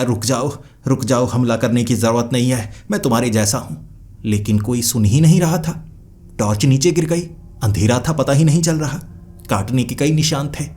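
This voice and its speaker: A man narrating a dark, funny horror story in the first person, dramatic and given to repeating lines for effect. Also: fairly low pitch.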